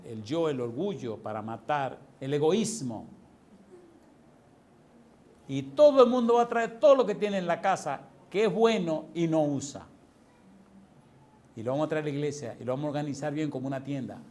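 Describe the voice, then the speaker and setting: A middle-aged male pastor, telling stories in a lively, animated sermon full of exclamations and chuckles. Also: fairly high pitch. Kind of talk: storytelling sermon.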